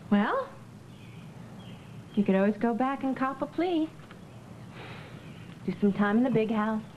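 A woman's voice: a little high, expressive, unhurried, narrow, tinny audio, a little hiss or hum. An actress playing a sardonic, theatrical woman who teases and mocks her companion in a soap-opera scene. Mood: mocking. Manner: dry, teasing and theatrical. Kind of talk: 1990s-2000s television soap acting.

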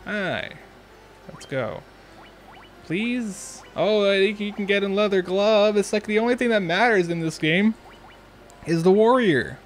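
A man's voice: high-pitched, moderate pace, slight background noise. A young man hosting a let's play, thinking aloud in casual, chatty commentary.

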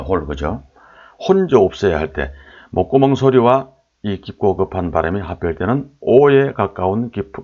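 A man with a very low voice lectures with a lively, swooping delivery. He sounds out sample syllables again and again and puts questions to his listeners. The recording is dull and lo-fi. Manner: repeats sample syllables aloud, asks rhetorical questions. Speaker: lecturer on old Korean pronunciation. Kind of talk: explanatory lecture.

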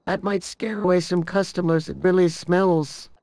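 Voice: medium pitch, steady tone, moderate pace, a little mellow, lightly acted. A young person faking an old voice to play a cranky, litigious elderly granny in an improvised game role-play, plaintive and fussy. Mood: haughty, argumentative.

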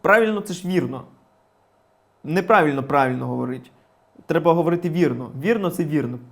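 A sarcastic male comedian with a high-pitched voice picks apart news clips. He is from Ukraine and delivers every line with mocking irony. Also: fairly quick, creaky. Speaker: comedian reviewing regional news. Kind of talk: comic news commentary.

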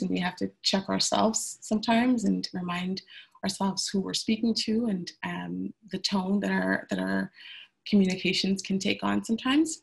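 The audio is low quality as this young woman, a communications manager presenting a webinar on a video call, speaks in a gravelly, mid-range voice through earbuds from home indoors. Chatty and peppered with "um"s, she presents slides and then leads a discussion on youth speaking to youth.

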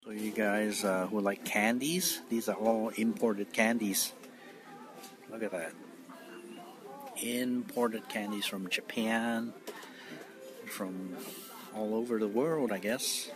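Holding his phone as he strolls a big supermarket, a middle-aged man vlogs in an amazed, rambling way full of fillers. He speaks slowly in a lowish voice with long pauses, and the recording is noisy with store ambience.

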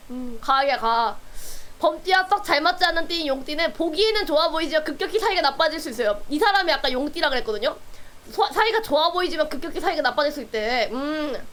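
A woman's voice: sits high, expressive, quick pace, a bit bright. A woman streamer chatting casually with her viewers, playful and teasing, often breaking into laughter.

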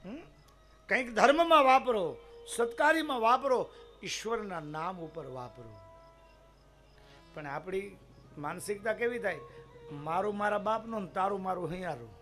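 High-voiced preacher telling a story. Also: male voice, animated, moderate pace, pauses often, a bit bright, soft background music. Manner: emphatic, rhetorical questions to listeners. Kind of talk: devotional scripture storytelling sermon.

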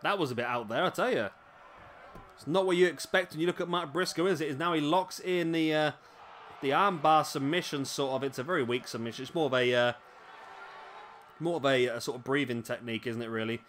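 A man's voice: a little high, a little fast, fairly bright tone, slight background noise. A man with hiccups giving casual play-by-play commentary on a wrestling video game. He is chatty, often adds tag questions and corrects himself.

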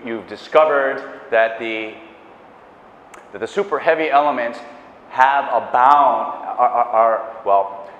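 A middle-aged man with a mid-range voice gives a chatty, enthusiastic public lecture on mathematics, wearing a lapel mic, with slight background noise. He strides the stage with lively gestures, adding asides and correcting himself. The lecture hall leaves the recording echoey and dull.

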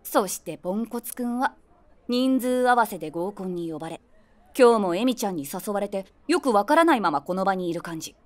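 As both narrator and lead in a comedic audio play, a woman performs a meddlesome, fanciful middle-aged character, delivering amused, wry and theatrical asides. Her mid-range voice is animated and quick, lightly acted, with no room sound.

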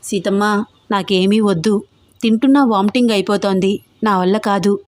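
A woman voicing an indignant young pregnant wife who snaps back quickly and sharply. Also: medium pitch, steady tone, darkish tone, no room sound, studio quality, lightly acted. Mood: weary.

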